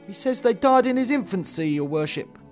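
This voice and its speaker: A soft-hearted old-time officer speaks up timidly to a stern judge, hesitant and soothing, as a man reads him. The voice sits high and careful. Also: animated, a little fast, soft background music. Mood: placating. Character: kindly, placating male police officer.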